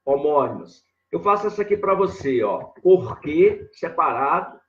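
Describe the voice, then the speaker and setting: A man teaching grammar in a live online lesson, talking slowly and repeating himself as he points things out on a board. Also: on the high side, lively intonation, lo-fi sound. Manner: slow and repetitive, constantly saying "ó" and "olha lá" while writing on a board.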